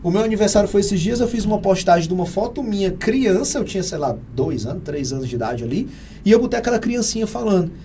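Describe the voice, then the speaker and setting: A Brazilian Portuguese-accented man speaking as an interview guest, his voice high for a man and mellow in tone. He explains with energy and emphasis, like a teacher throwing out rhetorical questions. A faint hum of background ambience sits under the recording. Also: expressive, fast talker. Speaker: real estate AI consultant guest. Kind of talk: conversational interview answers.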